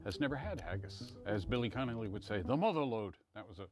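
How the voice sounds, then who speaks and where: A man contestant joking and bluffing deadpan. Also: fairly low pitch, quick pace, over music. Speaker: game show contestant.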